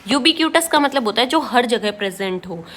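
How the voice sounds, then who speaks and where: Indian lady teacher, high voice, mixes hindi and english, reads example sentences real slow. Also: expressive, fairly bright tone. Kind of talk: exam-prep vocabulary lesson.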